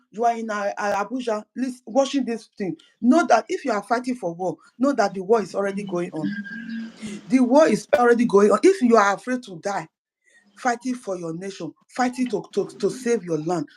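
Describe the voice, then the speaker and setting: Poor audio captures a mid-range voice in an impassioned political address. The activist speaker is fervent, often repeating words and starting phrases over.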